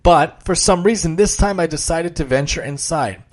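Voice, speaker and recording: A man giving a religious talk, telling a story aloud in an expressive, dramatic way. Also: fairly high pitch, normal speed. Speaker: religious speaker. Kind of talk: sermon with a story read aloud.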